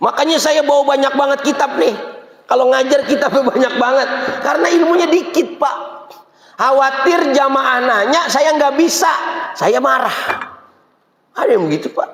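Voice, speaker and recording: A man's voice: extremely high pitch, normal speed. A man preaching, joking and asking the crowd questions as he goes. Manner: lively and joking, asks the crowd "bener gak, Pak?". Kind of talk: mosque sermon. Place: mosque. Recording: echoey mosque hall.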